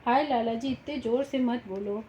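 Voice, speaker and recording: A woman's voice: fairly high pitch, normal speed, mellow, slight background noise, natural voice. Woman reading as a chatty, scolding sister-in-law. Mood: sympathetic. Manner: folksy, talkative, lecturing. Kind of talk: audiobook reading. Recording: roomy, slightly dull home recording.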